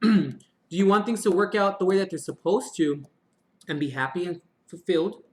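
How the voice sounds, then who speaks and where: A man's voice: high-pitched, normal speed. Chatty man reading tarot in an echoey room. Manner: chatty, swears casually, murmured prayers to draw cards. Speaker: tarot reader. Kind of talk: casual live-stream tarot reading. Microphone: live-stream mic.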